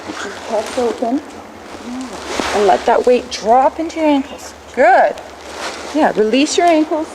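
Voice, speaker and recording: Over clearly noisy ambience, a woman teaching a riding lesson gives crisp commands in a high, projected voice with lively intonation. Her style is directive and corrective, with brief explanations as she goes.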